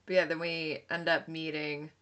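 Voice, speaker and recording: A woman's voice: deep voice, little pitch movement, normal speed, a bit bright. A woman co-hosting a casual book podcast, talking enthusiastically and filling her sentences with "like". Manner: enthusiastic, filler-heavy. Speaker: podcast co-host.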